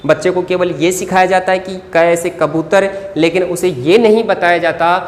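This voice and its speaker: A Hindi teacher gives an exam-prep lecture while writing on a board. The teacher asks the class questions, answers them, and dictates notes slowly word by word. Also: mid-range voice, fairly even intonation. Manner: addresses viewers as friends. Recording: reverberant room with faint background noise.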